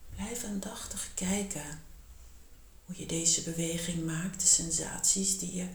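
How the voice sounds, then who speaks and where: A woman guiding a meditation and yoga lesson in a slow, calm, soothing voice, often half-whispering. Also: on the low side, a little hiss or hum. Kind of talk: guided meditation and yoga instruction. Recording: echoey room.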